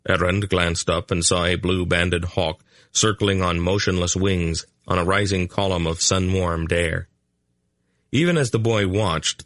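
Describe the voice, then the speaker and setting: A man narrating a fantasy audiobook in a measured, steady storytelling manner on a close mic. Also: low voice, no room sound.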